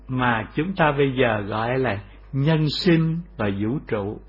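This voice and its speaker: A man giving a Buddhist dharma talk, explaining slowly and asking rhetorical questions. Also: a little high, husky. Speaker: Buddhist teacher. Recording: dull lo-fi recording.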